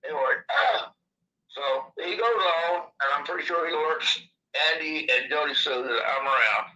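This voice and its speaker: Lisping man with a sharp, bright voice. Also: a little high, moderate pace, low-quality recording. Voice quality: lisp from missing upper teeth, slurred consonants. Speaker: interviewee recounting his own experience. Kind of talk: casual rambling storytelling.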